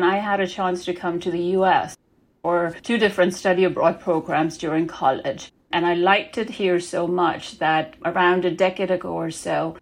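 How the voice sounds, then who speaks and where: A woman from Denmark, a podcast guest, explaining her work in a measured, explanatory way. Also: lowish voice. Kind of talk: podcast interview.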